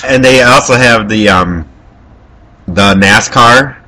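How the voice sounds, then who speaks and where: A man talks through a movie plot in relaxed, casual chat. His voice sits a little low but sounds bright and clear. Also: slow, slight background noise. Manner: relaxed, conversational, adds plot details.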